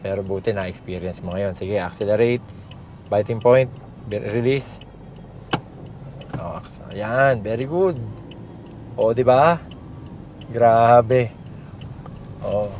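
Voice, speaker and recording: A man's voice: on the low side, slow pace, long pauses. A Filipino man coaching as a driving instructor inside a moving car, giving short commands and tag questions, with machine noise behind him. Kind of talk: hands-on coaching, casual instruction. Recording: muffled audio with loud car engine noise. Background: engine and vehicle noise.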